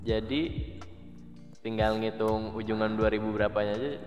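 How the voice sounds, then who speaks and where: On an echoey, dull lo-fi podcast with background music, a man in his twenties talks casually in a lowish, steady voice at normal speed. He's candid and doubts himself, wandering along with lots of fillers.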